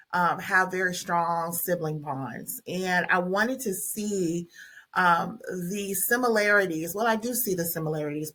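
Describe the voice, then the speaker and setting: A middle-aged woman with a fairly low voice hosts a relaxed family conversation. She rambles a little, circles back, and fills gaps with "um" as she gathers her thoughts. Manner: warm, rambling with many fillers and restarts. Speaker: podcast host.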